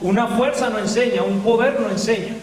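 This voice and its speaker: A man's voice: high-pitched, fairly quick, darkish tone. A man preaching a Bible doctrine lesson to a church, asking the congregation questions and answering them himself. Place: church hall. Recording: echoey hall, mic far off.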